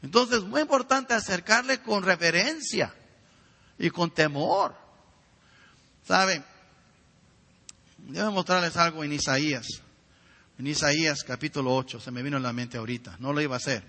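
A man's voice: fairly high pitch, normal speed, pauses often, pushed and bright. A man preaching a sermon, building to emphatic rises and stretching key words for stress. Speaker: pastor. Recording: reverberant hall.

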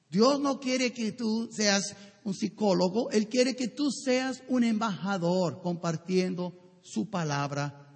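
A man preaching a sermon as pastor, talking to his congregation in a lively, joking, direct way. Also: high voice, husky. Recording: echoey hall.

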